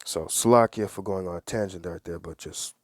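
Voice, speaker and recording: Emphatic low-voiced man preaching. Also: a little fast, no room sound, studio quality. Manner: emphatic, repeats phrases, rhetorical questions. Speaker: religious commentator. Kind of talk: preachy commentary with read-aloud news.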